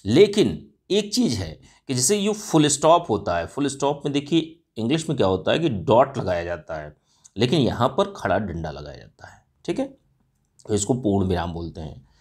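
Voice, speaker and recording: A man's voice: lowish voice, big pitch swings, moderate pace, darkish tone, breathy edge. A male teacher giving an exam-prep lecture, explaining step by step and often asking and answering his own questions, with frequent fillers. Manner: frequent fillers and self-corrections.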